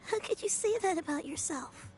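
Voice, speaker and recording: A woman's voice: very high voice, animated, normal speed, a little mellow, a little hiss or hum. A woman voicing a young girl who consoles her grandmother, reading game dialogue earnestly. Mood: consoling.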